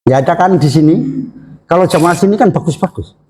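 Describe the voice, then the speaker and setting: A man giving a religious study lecture to a congregation, chatty, joking and laughing with his listeners, slowing to stress key terms. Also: on the high side, warm tone. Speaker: Islamic preacher. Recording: echoey hall reverb.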